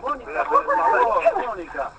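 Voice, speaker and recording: A man with an Argentine accent inside a vehicle, pleading again and again for a woman to calm down during a real fight. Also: extremely high pitch, a little slow, gravelly, muffled recording. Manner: pleading, repeatedly urging calm. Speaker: bystander calming a fight. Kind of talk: heated real argument. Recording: noisy recording replayed off TV.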